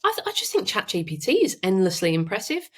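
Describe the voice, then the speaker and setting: A woman guest on a podcast who chats in a lively way and often laughs. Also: mid-range voice, fast talker, slightly rough. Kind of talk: casual interview chat.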